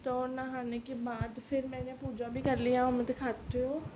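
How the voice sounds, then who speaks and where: A young woman with a cold and sore throat rambles and repeats herself while chatting casually in a home vlog, indoors and on a terrace in the rain. Her voice is high-pitched with little pitch movement, a moderate pace and a dark tone. Rain can be heard in the background.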